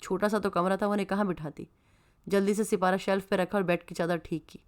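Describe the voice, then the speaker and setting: A woman reading a novel aloud in steady, measured audiobook narration. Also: medium pitch. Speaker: novel reader.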